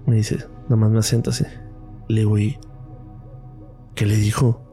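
Mellow Mexican man telling a story. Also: fairly low pitch, moderate pace, faint music behind. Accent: Mexican Spanish. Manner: lively storyteller, acts out quoted dialogue. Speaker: radiologist guest. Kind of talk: podcast storytelling.

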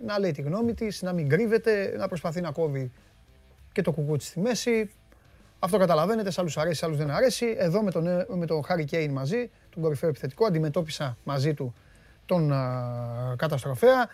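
A man's voice: fairly high pitch, a little mellow, no echo. A man hosting a live sports show, joking with viewers and teasing his guest. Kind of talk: lively live-stream chat.

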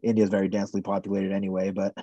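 A man speaking as a podcast guest, talking in a soft-spoken, measured and hedging way. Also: deep voice, flat delivery, dry recording, muffled recording. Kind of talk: casual conversational interview.

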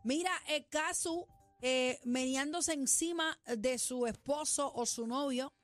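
A woman's voice: sits high, takes it slowly, no echo, faint music behind. A woman, hosting a teasing gossip segment on radio. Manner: teasing, lively gossip reader. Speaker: radio show host.

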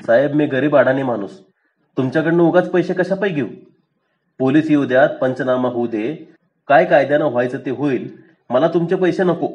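A man's voice: mid-range voice, moderate pace, darkish tone, dull audio, natural voice. A man voicing a stubborn, self-righteous poor village milkman in a rustic way of talking.

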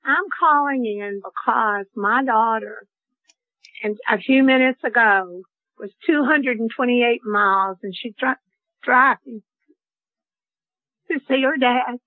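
A woman calls in to a radio show, her voice coming through a thin, tinny phone line with a dry, close sound. She speaks slowly and haltingly, pausing and reaching for words, in a fairly high voice. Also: no echo. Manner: halting, hesitant, many fillers. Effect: phone-in caller heard over a phone line. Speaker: caller.

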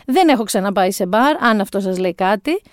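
A woman's voice: mid-range voice, animated, no room sound. A woman in her forties telling a comic story in a wry, self-mocking way, close to the mic. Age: 40s. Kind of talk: comic monologue.

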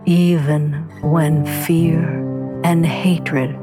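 A woman guiding an affirmation meditation in a soft, soothing spa-like manner with long pauses. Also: low voice. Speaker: meditation guide. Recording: guitar music behind. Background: calm plucked guitar music.

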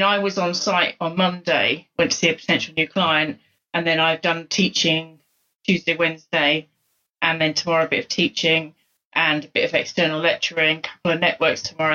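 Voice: mid-range voice, bright, forceful tone, poor audio. An architect from South London, a guest on a podcast, talking conversationally with hesitant fillers. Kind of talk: casual chat.

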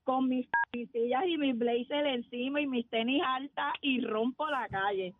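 A woman's voice: high-pitched, moderate pace. A woman in her forties with a Puerto Rican accent calling a radio show, chatting casually with proud self-assurance over a phone. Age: 40s. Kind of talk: casual chat. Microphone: phone call. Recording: noisy, muffled phone line.

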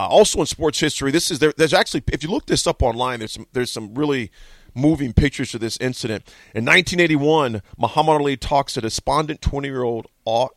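A man's voice: mid-range voice, a bit bright, no echo, clean studio sound. A man in his forties hosting a sports radio show, talking casually and rambling with many fillers. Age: 40s. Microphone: studio microphone.

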